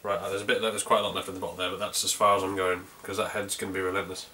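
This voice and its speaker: A man's voice: deep voice, little pitch movement, racing, bright, forceful tone, slight background noise. A man chatting casually through a home beer review, talking as he pours and tastes. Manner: chatty, talks while pouring and tasting.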